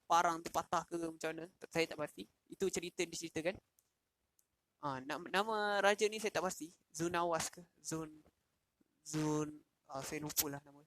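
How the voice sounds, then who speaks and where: A Quran class teacher tells a story during a casual livestream lesson, using fillers and restarts and asking the audience questions. His voice is on the high side with a fairly bright tone, and there's a little hiss or hum.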